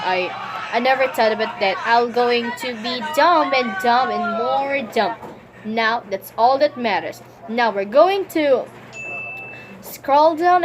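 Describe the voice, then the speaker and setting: A woman vlogging a casual Q&A with a stuffy runny nose, rambling, correcting herself and giggling as she goes. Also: a little high. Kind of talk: casual Q&A vlog.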